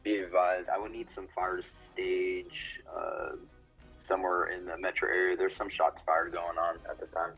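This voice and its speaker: A man's voice: low voice, steady tone, moderate pace, creaky, husky, faint music behind. A man speaking over a radio in clipped dispatch jargon for a game roleplay. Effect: heard over a radio. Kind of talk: radio procedure talk. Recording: dull lo-fi radio audio.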